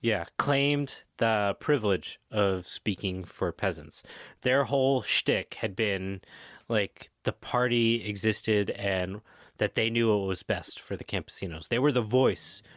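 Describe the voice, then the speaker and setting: Low-voiced male podcast host, casual and jokey, dry close sound. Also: a little slow, fairly bright tone, no room sound. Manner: jokey, swearing, tangents. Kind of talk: casual history chat.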